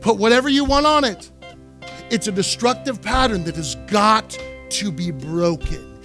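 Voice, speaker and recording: High-voiced, emphatic preaching pastor. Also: male voice, expressive, moderate pace, faint music behind. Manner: emphatic preaching that swings from quiet asides to loud exhortation; repeats phrases for emphasis. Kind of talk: sermon. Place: church sanctuary.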